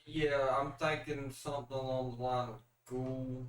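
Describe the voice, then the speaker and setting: A man's voice: medium pitch, little pitch movement, unhurried. A man playing a tabletop game who suggests ideas and often stops and restarts his sentences. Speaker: player. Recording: echoey room, away from the mic.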